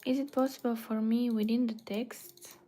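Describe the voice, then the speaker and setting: A woman from Bulgaria thinks aloud while designing a website on a casual livestream, her murmuring often fading almost to a whisper. She talks at a normal speed in a warm, slightly high voice with fairly even intonation.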